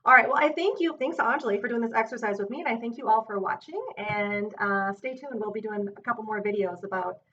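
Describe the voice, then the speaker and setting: A woman with a somewhat high voice leads a gentle self-compassion exercise, taking her time and pausing to think aloud with fillers and restarts. She sounds a little distant from the mic, the audio is muffled, and there is a faint hiss behind her. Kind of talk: guided exercise with her child.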